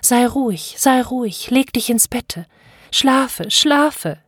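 A woman voicing a tender, frightened mother in an audiobook reading, speaking softly and soothingly. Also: on the high side, animated, takes it slowly, slightly rough, dry recording, studio quality, pitched above the performer's own voice, full character voice. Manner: soft, soothing, pleading. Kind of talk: audiobook reading of classic literature.

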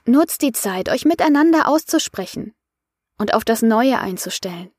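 A woman reading an audiobook voices a calm female coach who soothes and explains. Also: on the high side, moderate pace, dry recording, clean studio sound. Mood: lecturing.

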